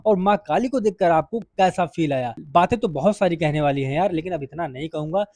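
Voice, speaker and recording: High-voiced man reviewing a film trailer. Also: a little fast, darkish tone, no room sound, studio quality. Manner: chatty, addresses viewers as brother and friend. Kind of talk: casual spoken film review.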